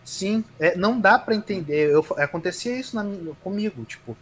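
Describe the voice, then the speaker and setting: A man co-hosting a podcast, talking casually and haltingly, restarting his sentences often. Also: high voice, animated, a crowd in the background. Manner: hesitant, restarts often, trails off with "sabe?". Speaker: podcast co-host. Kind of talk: casual chat.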